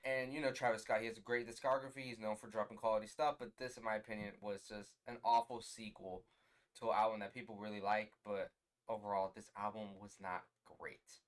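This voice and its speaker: A man in his twenties from the US West Coast, sitting in his bedroom and giving a casual, blunt album review with exasperated rants and loud bursts of emphasis. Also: fairly low pitch, little pitch movement, fairly quick. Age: 20s. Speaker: music reviewer.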